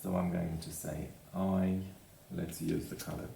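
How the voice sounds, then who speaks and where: Slow gravelly man teaching grammar. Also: low voice, level tone, warm tone, slight background noise. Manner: repeats "okay?" after each point, spells out endings slowly. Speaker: language teacher. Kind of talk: slow grammar lesson with board work. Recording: echoey room, mic at a distance.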